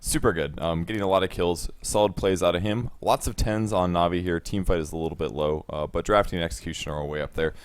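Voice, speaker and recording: A man analyzing esports teams at a broadcast desk in a quick, upbeat way. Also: sits low, fairly even intonation, clean tone, dry recording.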